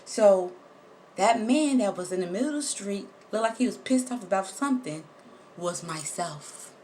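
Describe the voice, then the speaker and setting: A woman telling a personal story straight to her viewers, animated and emphatic, repeating words for effect and swearing casually. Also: mid-range voice, normal speed, a little hiss or hum. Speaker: vlogger.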